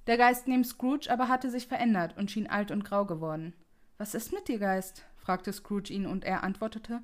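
A woman reading a classic Christmas story aloud for a podcast, in a calm, even storytelling voice. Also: medium pitch.

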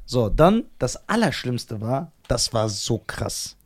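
A woman co-hosting a casual chat, telling a story with lively energy and acting out what people said. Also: rumbling low, slow pace, slightly rough. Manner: lively storyteller who acts out quoted voices.

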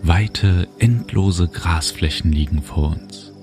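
A man narrating a guided relaxation journey, speaking slowly and soothingly. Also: low-pitched. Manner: slow, calm, soothing. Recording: music bed under voice. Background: music and cricket sounds.

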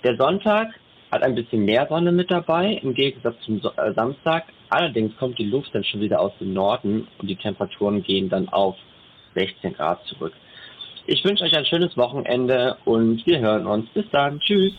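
A chatty man records his weather report as an answering machine message, sounding friendly and tripping over a word now and then. The sound is thin and phone-like, with a faint hiss underneath. His pitch sits in an ordinary middle range. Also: animated, moderate pace. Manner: friendly, chatty, with small slips and self-corrections. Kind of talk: casual spoken weather report. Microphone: telephone.

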